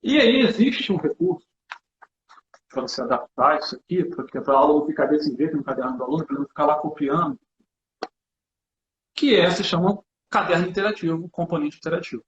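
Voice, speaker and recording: A man's voice: a little high, brisk, roomy sound, lo-fi sound, a little hiss or hum. A man from Brazil, a teacher, chatting casually and animatedly while demonstrating classroom materials, often adding "né". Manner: animated, hands-on, chatty with fillers like "né". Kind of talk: casual conversation.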